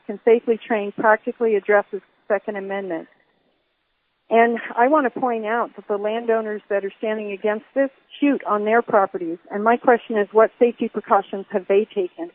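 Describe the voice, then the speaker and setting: An older woman giving firm, emphatic public testimony at a hearing, heard over a telephone speaker. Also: fairly high pitch. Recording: tinny phone line.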